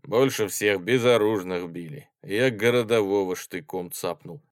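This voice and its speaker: A man's voice: on the low side, unhurried, smooth, no echo, lightly acted. A man reads a blunt young guardsman, curt and unwilling to talk, who speaks close to the narrator's own plain register. The sound is dry and near. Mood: callous. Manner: curt, reluctant, flat. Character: tall, blunt, callous young male guardsman.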